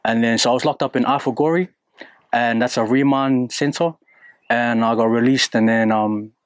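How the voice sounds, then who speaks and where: Young man, New Zealand accent, candid, hesitant, dry room, mid-pitched. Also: steady tone, no echo. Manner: candid, halting, many fillers and restarts. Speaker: interviewee. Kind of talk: casual interview.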